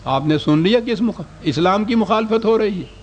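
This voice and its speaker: Older man, lecturer, high-pitched voice, reads quotations aloud, rhetorical questions, faint background noise. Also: animated. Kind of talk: scholarly lecture.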